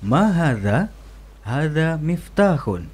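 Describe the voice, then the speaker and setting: A male student reads Arabic drill sentences aloud, hesitating and sometimes repeating himself. His voice is slightly husky, his reading slow, and his pitch moves quite a lot. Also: very animated, a little mellow.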